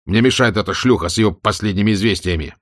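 A man voicing a furious, cursing foreign agent who shouts abuse in a car. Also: on the low side, fast talker, dry recording, studio quality, lightly acted. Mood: bitter tirade. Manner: shouting, abusive.

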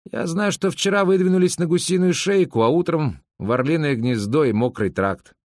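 A man's voice: a little high, lively intonation, moderate pace, a little mellow, no room sound, studio quality, voice pushed up, natural voice. A man voicing a young, formal army officer. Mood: explaining. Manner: formal, courteous, correct.

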